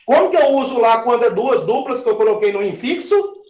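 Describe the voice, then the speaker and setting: A man's voice: extremely high pitch, expressive, fairly quick, darkish tone. A male chemistry teacher, giving a classroom lecture, asking the class questions and spelling out syllables as he counts aloud. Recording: roomy, dull-sounding classroom recording.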